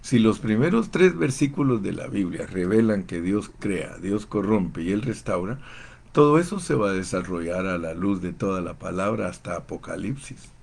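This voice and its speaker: A man preaching a sermon in a slow, emphatic, fervent way, often calling his listeners brother. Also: deep voice, expressive, gravelly, darkish tone. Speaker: pastor.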